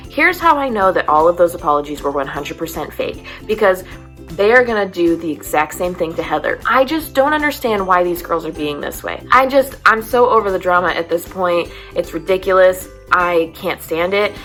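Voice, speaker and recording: A young woman with a fairly low voice chats through a recap, exasperated and quick, acting out little scenes for her viewers. Faint music plays softly behind her. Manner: chatty, exasperated, acts out scenes. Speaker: vlog host. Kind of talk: casual recap chat.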